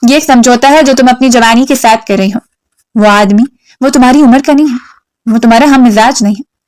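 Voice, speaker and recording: A woman's voice: a little high, a little mellow, dry recording, clean studio sound, natural voice. A woman voicing a young woman who speaks firmly and earnestly. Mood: pleading. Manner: firm, then earnest and tearful. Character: young woman set on marrying up, then a pleading friend.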